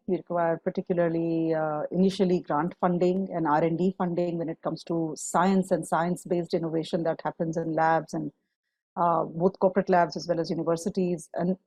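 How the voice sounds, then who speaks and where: A woman's voice: fairly low pitch, dark tone, no echo, poor audio. A woman, a guest on a panel discussion, speaking fluently and laying out her points in long lists. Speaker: guest panelist, climate fund partner.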